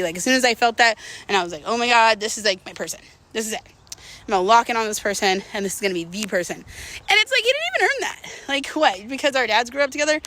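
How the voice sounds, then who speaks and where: Slightly winded as she walks, this vlogger talks openly to her viewers, poking fun at herself and posing rhetorical questions in casual confessional chat. She sounds pushed and bright, pitched on the high side.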